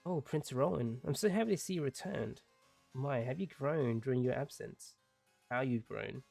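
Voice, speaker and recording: A man's voice: medium pitch, normal speed, vocal fry, darkish tone, soft background music. A man reading as a doting old nanny. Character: elderly female royal nanny, doting.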